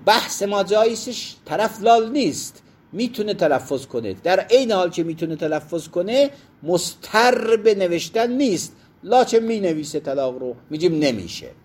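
Male seminary teacher, husky, lively delivery, quotes Arabic texts and explains them. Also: high voice. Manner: explanatory, pauses to define terms. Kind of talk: classroom lecture on Islamic jurisprudence.

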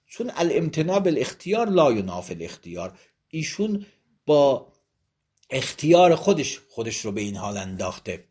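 Husky man giving a seminary lecture. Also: mid-range voice. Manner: reads passages aloud, then explains them plainly point by point. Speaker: religious law teacher. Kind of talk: seminary lecture, reading and explaining a text.

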